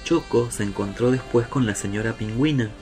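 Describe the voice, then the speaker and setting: A man with an Argentine accent reading a children's story aloud, slow and expressive. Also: medium pitch, faint music behind. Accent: Argentine Spanish.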